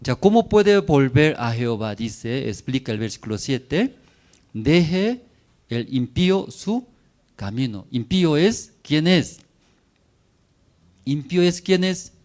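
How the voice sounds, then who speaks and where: A man preaching a sermon in a church, his delivery unhurried and drawn out. His pitch swings widely from phrase to phrase as he builds each point. He speaks in short, choppy, simple phrases and keeps tossing quick tag questions to the congregation. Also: sing-song, darkish tone. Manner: checks in constantly with tag questions.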